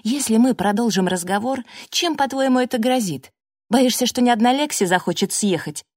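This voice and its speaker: A woman's voice: sits low, unhurried, dry recording, studio quality. A woman voicing a sneering, accusing young man in an audiobook, mocking and confrontational. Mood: mocking fury.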